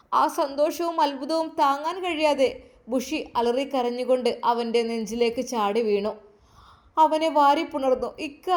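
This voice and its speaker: A woman narrating an emotional story with expressive storytelling. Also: high voice.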